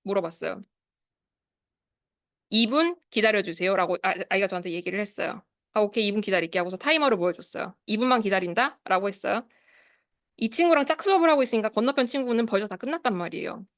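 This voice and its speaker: A woman's voice: mid-range voice, lively intonation, fast, no echo. Woman lecturing on a video call, dry sound. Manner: explanatory, asks the audience questions, acts out quoted phrases. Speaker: speech therapist leading a study group. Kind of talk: online lecture to parents and teachers.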